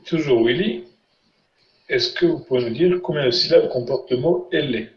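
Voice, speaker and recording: A man's voice: medium pitch, moderate pace. A man teaching a language lesson, patiently quizzing his students. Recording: roomy, muffled lo-fi sound.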